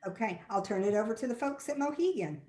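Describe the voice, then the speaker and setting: A woman's voice: on the high side, animated, quick pace, dark tone. A woman presenting data informally on a webinar as a staff moderator. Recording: echoey room sound.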